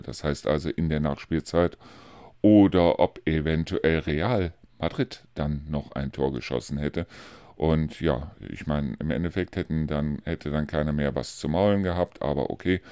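A man's voice: extremely low pitch, a little mellow, clean tone, no room sound, clean studio sound. A man hosting his own radio show, chatting casually and rambling through the week's news. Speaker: radio host. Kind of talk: casual monologue.

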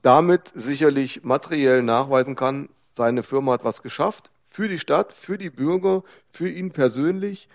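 A man co-hosting a podcast in casual conversation, talking in a measured, reflective way with many small hedges. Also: mid-range voice. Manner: measured, reflective, hedging with fillers. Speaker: podcast co-host.

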